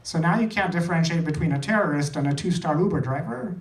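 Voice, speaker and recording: A fast-talking Indian comic with a voice on the high side performs stand-up for an audience in a small comedy theater. He sticks to short, dry, self-deprecating phrases. The recording has echo, a distant mic and loud noise.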